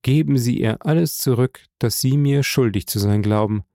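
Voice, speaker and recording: Grave nobleman, solemn and measured, dark gravelly voice, read by a man. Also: medium pitch, no room sound, studio quality, natural voice.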